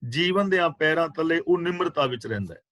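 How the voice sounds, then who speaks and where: A man giving a scripture exposition class on a video call, explaining patiently and repeating key words in a measured way. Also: a little high, expressive, fairly bright tone, no room sound. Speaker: Sikh scripture teacher. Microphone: video call microphone.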